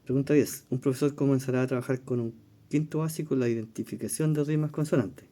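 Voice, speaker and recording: A man's voice: medium pitch, fairly even intonation, quick pace, warm tone. A man with a Chilean Spanish accent walking through exam questions in a recorded lesson, explaining step by step, thinking aloud with fillers and checking in with his listeners. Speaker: teacher reviewing exam questions.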